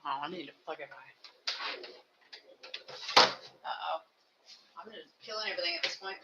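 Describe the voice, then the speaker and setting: A live streamer building toy sets at a home desk, rambling casually and thinking out loud with self-mocking asides. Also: medium pitch, very fast, heavy background noise. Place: home desk with two computers.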